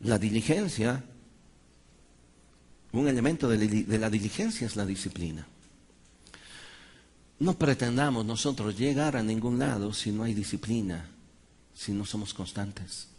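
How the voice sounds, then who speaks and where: A man's voice: lowish voice, expressive, a little slow, pauses often, a little mellow, slightly rough. A man preaching a sermon, emphatic and dramatizing Bible stories.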